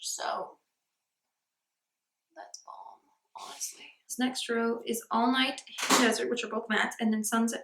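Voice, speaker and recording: A woman chatting casually as a beauty vlogger unboxing products. She often drops to a soft near-whisper, and her voice echoes because she is recording in a room without a proper mic. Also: on the high side.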